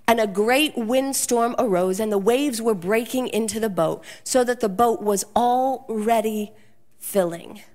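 A woman preaching a sermon, telling a personal story in an animated way and acting out the quotes. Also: a little high, measured pace.

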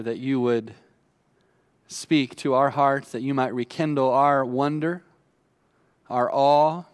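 A man preaching a sermon as pastor from a church stage at a pulpit microphone, in a chatty, conversational way with filler words. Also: medium pitch.

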